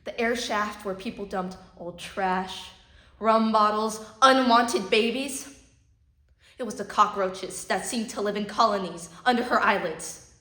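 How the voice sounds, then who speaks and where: A woman's voice: medium pitch, moderate pace, fairly bright tone, close to an everyday voice. Woman acting a sorrowful tragic heroine, echoey room. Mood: bitter anguish. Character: sorrowful, bitter woman named Rose, haunted by hardship. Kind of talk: theatrical dramatic monologue.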